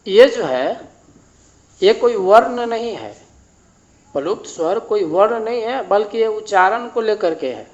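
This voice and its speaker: Guy teaching grammar, talks slow and patient, goes over each rule twice. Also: sits high, animated, a little mellow, dull audio. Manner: slow, explanatory, repeats definitions. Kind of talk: board lesson on grammar.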